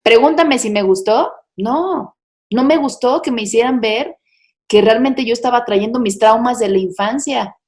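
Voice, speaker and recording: Mom type, middle-aged woman, telling a personal faith story, chatty and candid, lots of "o sea". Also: a little high. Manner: candid, confiding, chatty with many fillers. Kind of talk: personal testimony talk.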